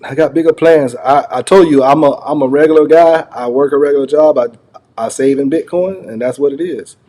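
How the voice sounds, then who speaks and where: Reacting to a recorded call on his channel, a man rambles conversationally and keeps returning to the same phrases in casual, unplanned remarks. He speaks fairly quickly, with a fairly high pitch and a warm tone.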